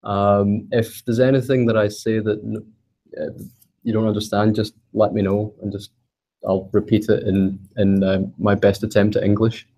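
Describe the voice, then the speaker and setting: This man from Scotland gives a technical talk at a meetup that is also broadcast online. His voice is fairly low and dark, level in tone, at a normal speed, and he hesitates a lot, using many fillers and some humor at his own expense.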